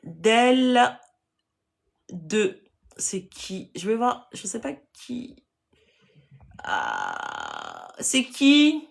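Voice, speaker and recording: A woman's voice: medium pitch, huge pitch swings, very slow, vocal fry, pauses often. A woman with a Parisian French accent, hosting a live stream to sell land and answering viewer comments in a direct, firm way. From France.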